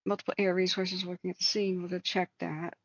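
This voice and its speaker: A woman's voice: fairly low pitch, level tone, fairly quick, no room sound, lo-fi sound. A woman hosting a livestream with casual wildfire-tracking commentary, thinking aloud in a conversational way. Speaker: livestream host.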